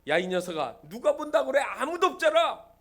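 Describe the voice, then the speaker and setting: A pastor voicing a gruff, impatient father who scolds his son in a sermon story. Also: on the high side, animated, measured pace. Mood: irritated.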